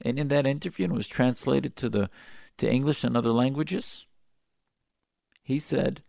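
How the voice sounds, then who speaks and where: Gravelly man giving fiery radio commentary. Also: medium pitch, normal speed, a little mellow, dry recording, studio quality. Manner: impassioned, emphatic, sarcastic. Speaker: radio talk show host.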